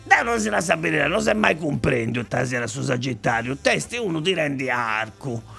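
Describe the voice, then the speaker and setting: A man with a very creaky, high-pitched voice rambles comically in Sardinian-accented dialect. He doubles back on phrases and stumbles into restarts, with a bright, pushed tone. Faint music plays behind him. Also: sing-song, normal speed.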